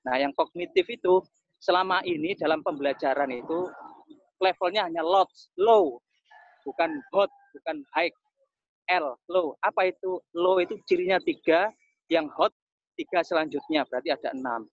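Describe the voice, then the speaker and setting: A man's voice: fairly high pitch, normal speed, dry recording. A man lecturing over a webinar in a casual, chatty way, repeating his phrases as he explains. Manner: conversational, repeats phrases, chatty with local asides. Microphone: video call. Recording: slightly dull, dry online audio.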